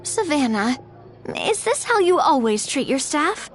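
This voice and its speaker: A woman's voice: sits high, sing-song, a little slow, soft background music. A woman playing a polite, principled young woman leader in a video game, composed yet firm. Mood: firm, confronting. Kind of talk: animated game voice acting.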